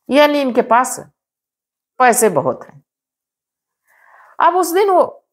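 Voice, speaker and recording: A woman tells a crime story in a loose, conversational way, leaning on repeated filler phrases. Her voice is fairly high and very lively in pitch, rising and falling as she narrates. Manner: chatty, repetitive fillers.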